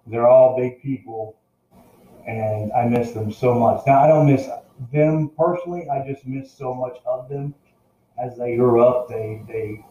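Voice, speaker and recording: An older man with a mellow, dark, medium-pitched voice earnestly urges on his viewers in a casual vlog talk to camera. He frequently stumbles, repeating and restarting words. The recording sounds roomy and slightly dull.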